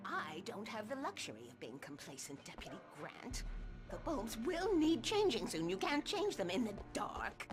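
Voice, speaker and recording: A woman's voice: medium pitch, very animated, normal speed, natural voice. An actress playing a fussy, vigilant woman in a video game, stern, formal and insistent. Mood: fussy warning. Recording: background music over voice.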